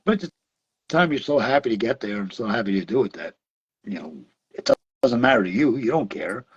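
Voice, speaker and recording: A man's voice: medium pitch, animated, fairly quick, husky. Laughing, rambling New man. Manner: rambling, laughs often, many fillers. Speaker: interview guest, wrestler. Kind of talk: casual storytelling interview. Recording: dull lo-fi sound.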